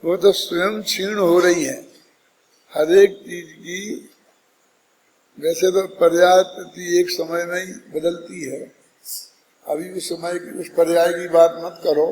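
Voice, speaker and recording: A man's voice: sits high, little pitch movement, slow, long pauses, a little mellow, big-room sound, slight background noise, rough recording. A man giving a scripture discourse, explaining step by step and putting rhetorical questions to his listeners. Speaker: Jain scripture teacher.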